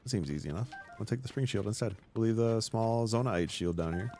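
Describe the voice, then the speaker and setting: A man's voice: on the low side, brisk, a little mellow, a little hiss or hum. A man hosting a let's play, giving casual, teasing commentary as he plays. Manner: playful, teasing, wry asides.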